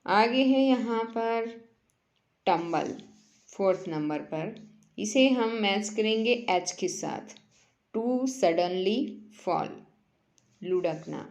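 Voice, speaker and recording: A woman teacher, explaining a workbook lesson in Hindi and reading English lines slowly, word by word. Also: medium pitch, animated, roomy sound.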